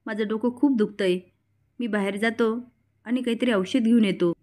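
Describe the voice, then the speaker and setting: A woman's voice: fairly high pitch, steady tone, moderate pace, a little mellow, lightly acted. Frightened, confused young man, read by a woman narrator, anxious and pleading. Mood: pained.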